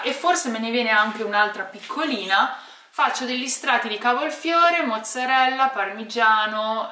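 A woman in her thirties narrating a casual cooking vlog in her home kitchen, chatty and animated, explaining each step as she goes. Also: mid-range voice, roomy sound, far from the mic, a little hiss or hum. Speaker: vlogger.

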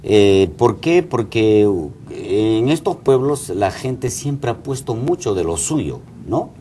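This middle-aged Peruvian mayor, a guest in a TV news studio, talks slowly and earnestly yet animatedly, dropping frequent hesitation fillers. His medium-pitched voice has a dark tone over slight background noise.

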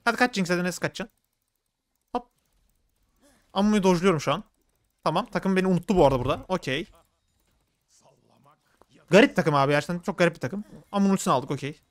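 A man streaming a video game, giving quick play-by-play and complaining about his teammates. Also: high-pitched, dry recording. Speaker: gaming streamer. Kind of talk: live gameplay commentary.

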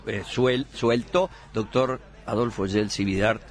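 A man's voice: fairly low pitch, steady tone, measured pace. A man, a debate guest making dry, combative rebuttals in a radio political debate. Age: 60s.

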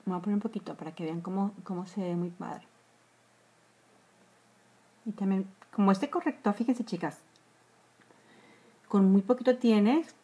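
Speaking at normal speed with frequent pauses, she has a warm, mid-range voice with a breathy edge, and the audio is dull. She's a Mexican-accented makeup vlogger in her forties giving a live tutorial from a small room, chatting to viewers she calls girls and trailing into whispers as she works. A phone or webcam captures her at close range.

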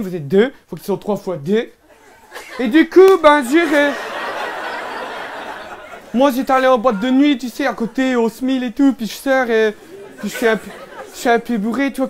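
A man's voice: sits high, darkish tone, slight background noise, close to an everyday voice. A man with a Northern French ch'ti accent playing a boorish young lout in a one-man stand-up show, rambling and slangy with lots of fillers. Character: boorish young ch'ti man, brash, absurd, loud-mouthed. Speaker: stand-up comedian in character.

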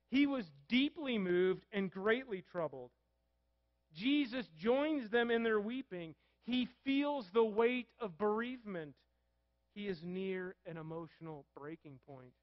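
A male pastor with a notably high voice delivers a sermon, putting questions to his listeners and reading passages of scripture aloud. The sound is dry and close, with a slightly dull, muffled tone. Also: dry recording. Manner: asks the congregation questions, reads scripture aloud.

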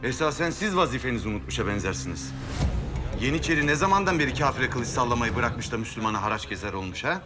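A man's voice: mid-range voice, big pitch swings, fast, over music, natural voice. An actor playing a commanding, wry Ottoman sultan in a period drama. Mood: defiant.

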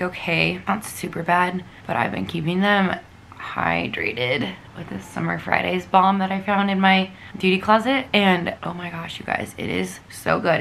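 A young woman vlogs from a hotel bedroom, propped up in bed and talking straight to camera in a chatty, gushing way full of filler words. Her voice is fairly low, creaky and scratchy, with a slightly bright edge.

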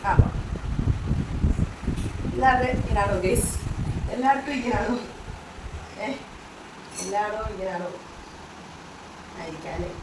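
A woman's voice: mid-range voice, measured pace, long pauses, noisy background. A woman filming a casual family vlog at home, talking to the viewers and coaxing her small child in a sing-song way. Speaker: vlogger and mother.

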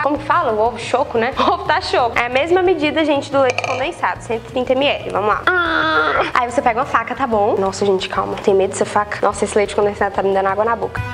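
A young woman from Brazil with a high, bright voice talks viewers through a recipe in a playful, chatty way. She is recorded in a small home kitchen with music running behind her. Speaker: cooking vlogger. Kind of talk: casual cooking tutorial. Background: background music.

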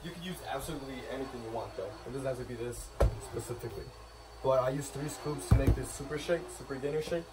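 A man's voice: mid-range voice, quick pace, over loud music. A young man giving a casual vlog demonstration in a home kitchen, recorded on a camera. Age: young adult. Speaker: vlogger. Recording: noisy kitchen, vacuum running.

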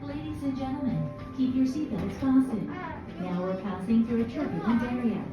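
A woman's cabin announcement plays through a loudspeaker, formal and drawn out very slowly. Her voice sits fairly high. It comes from far off with a heavy echo, and loud music runs behind it. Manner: very slow, formal announcer delivery. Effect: cabin announcement over a loudspeaker. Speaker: recorded English cabin announcer.

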